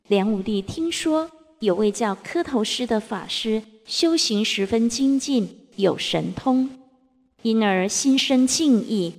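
Woman reading a classic text lesson really slow, chanty and measured, big echoey hall sound. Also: mid-range voice. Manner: measured, deliberate chanting of verses. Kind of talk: slow scripted recitation and storytelling. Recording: long hall reverb.

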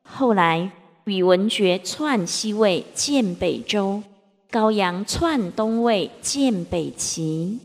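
Slow, measured woman reciting in a reverberant hall. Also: medium pitch, animated. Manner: measured, deliberate chanting of verses. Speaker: reader of classical text lessons. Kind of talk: slow scripted recitation and storytelling.

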